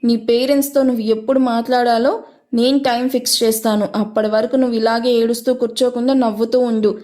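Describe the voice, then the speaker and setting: A woman's voice: on the high side, flat delivery, brisk, dark tone, lightly acted. A woman voicing a possessive, controlling young husband who gives cold commands in a narrated story. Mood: commanding.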